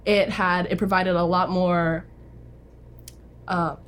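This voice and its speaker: A woman's voice: fairly low pitch, flat delivery, takes it slowly, clear, resonant tone. A young woman from New Orleans, a guest chatting casually on an interview show in a friendly, slightly hesitant way. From New Orleans, United States. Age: young adult.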